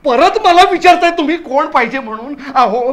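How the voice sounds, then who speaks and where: Fussy, flustered husband. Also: male voice, extremely high pitch, expressive, brisk. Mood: exasperated. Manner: flustered, exasperated, loud. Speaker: householder. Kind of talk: comic sketch acting.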